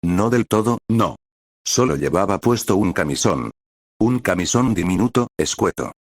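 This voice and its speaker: Deep-voiced man reading fan fiction. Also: lively intonation, moderate pace, no echo, clean studio sound.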